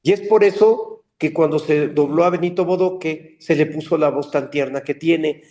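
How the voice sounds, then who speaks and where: An older man, a dubbing actor telling stories in a casual interview, animated and slipping into character voices. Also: a little high, moderate pace. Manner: animated, slips into character voices mid-story. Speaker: voice actor and dubbing director guest.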